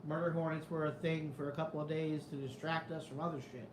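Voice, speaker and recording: A man with a slightly high voice talks at a quick pace with little pitch movement, in an echoey room with background noise. Reading his live chat as a casual show host, he rambles, stays skeptical and swears freely, his New York Italian-American accent appearing on and off; he's from the New York area.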